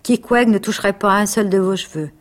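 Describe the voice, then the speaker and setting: A woman's voice: mid-range voice, steady tone, a little fast, natural voice. A woman voicing an easygoing male innkeeper who teases his guest in a read-aloud story. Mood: teasing. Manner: teasing, easygoing. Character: amused innkeeper man.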